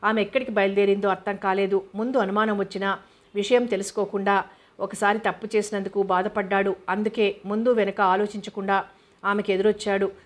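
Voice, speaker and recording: A woman reads a novel aloud in an even, steady manner. Her pitch stays flat and level, sitting in the middle of a woman's range. The delivery is calm audiobook narration. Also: fairly quick. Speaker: novel reader.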